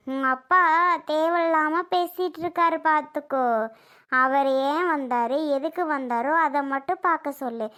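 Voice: high voice, sharp tone. A performer playing an angry, proud middle-aged sister-in-law who keeps firing accusing questions in a family drama skit. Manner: accusing, demanding, repeats her questions.

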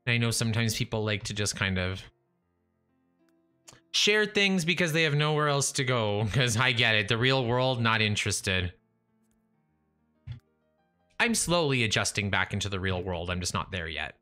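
With soft background music playing, a young gamer livestreams a building game from a small room at home, his fairly low, sharp voice expressive at a normal speed and broken by long pauses. He chats with himself and chat into a studio mic set before his face, restarting and trailing off. He's losing his voice, he says.

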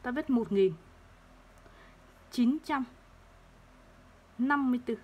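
A woman teaching third-grade math, explaining place values slowly and patiently and repeating each number. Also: fairly high pitch, breathy edge, highs cut off. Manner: slow, patient, repeats numbers to drill them.

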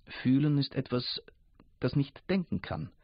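A man's voice: mid-range voice, lively intonation, measured pace, gravelly, dry recording, voice pushed up. A man voicing an ancient, wise river. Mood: calm, explaining. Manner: patient, explaining. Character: ancient wise male river, calm and knowing. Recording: dull lo-fi radio recording.

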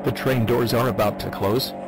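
A man giving a recorded train announcement over a speaker in a calm, measured, formal manner. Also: medium pitch, noisy background. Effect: train station announcement over a speaker.

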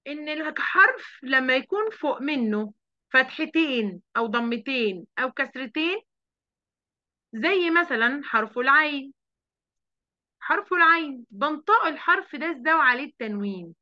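A woman's voice: sits high, lively intonation, moderate pace, pushed and bright, no echo. A woman with an Egyptian accent teaching an online primary class, coaxing the children with many questions. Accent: Egyptian Arabic. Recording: dull lo-fi online audio.

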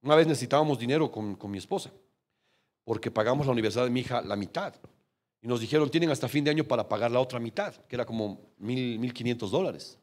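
A man preaching a sermon as pastor in a church, telling a family story with lively back-and-forth voices and calling his listeners brother. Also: medium pitch, quick pace. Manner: animated storytelling, often calling the congregation brother.

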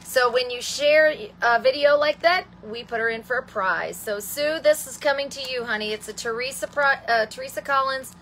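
A woman's voice: high-pitched, moderate pace, few pauses, fairly bright tone, slight background noise. A woman hosting a live stamping tutorial, chatting with viewers, greeting them by name and calling them honey and sweetheart. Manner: rambling, with many ums and restarts. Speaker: host of a live craft stamping show.

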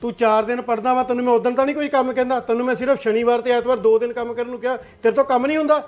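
A man acting as a furious, hot-tempered father with a Punjabi accent, scolding in a very high, quick voice. The sound is slightly dull, with faint music underneath. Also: steady tone. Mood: angry. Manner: scolding, shouting. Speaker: angry father. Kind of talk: short drama acting.

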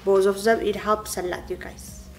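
In her home kitchen, a woman in her thirties vlogs casually to the camera, earnest and chatty, frequently addressing viewers as "you guys." Her voice is medium-pitched and level, at a moderate pace, with soft music in the background.

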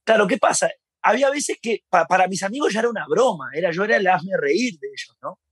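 Husky, animated Uruguayan man. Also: high voice, fast, no room sound. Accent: Uruguayan Spanish. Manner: animated storyteller, laughs often, acts out shouts. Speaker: interview guest. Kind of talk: casual interview storytelling.

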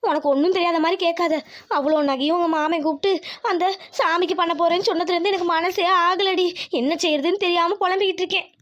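A woman's voice: extremely high pitch, steady tone, fast talker, fairly bright tone, lo-fi sound. A woman voicing a fretful, greedy middle-aged village mother in a cartoon, wailing and grumbling in self-pity. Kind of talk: cartoon voice acting.

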